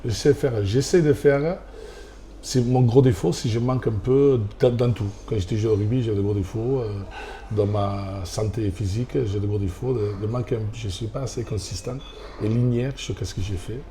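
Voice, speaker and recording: With an Australian accent, this man, an Australian former rugby player who now owns a restaurant, stumbles through interview answers in French and keeps starting over. He speaks at a medium pitch in a steady, warm tone, over slight background noise.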